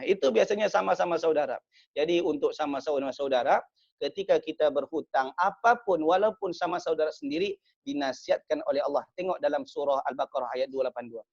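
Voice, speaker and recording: Animated male preacher, lo-fi sound. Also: fairly high pitch, creaky. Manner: animated, acts out debtors' excuses. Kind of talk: short sermon. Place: community gathering in New Zealand. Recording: dull lo-fi sound.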